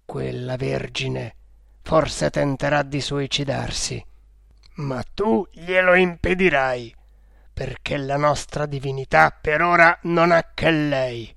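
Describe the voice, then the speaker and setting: A man's voice: mid-range voice, fairly even intonation, slow, vocal fry, fairly bright tone, no echo, clean studio sound, full character voice. A man voicing a cruel, fanatical male temple priest in an audiobook, speaking sternly and without mercy. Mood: menacing. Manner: stern, implacable, menacing. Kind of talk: audiobook character reading.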